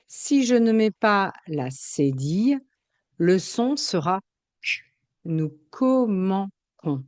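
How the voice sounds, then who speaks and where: A woman teaching a grammar lesson, explaining spelling and sounds slowly and carefully, repeating each example. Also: on the low side, a little mellow, no room sound. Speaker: French teacher.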